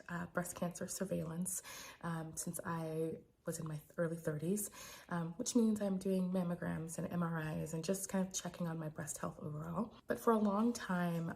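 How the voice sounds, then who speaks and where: Quiet but clear American woman, lowish pitch, creaky voice, casual personal monologue, hesitant and reflective. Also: slight background noise. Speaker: physician vlogger.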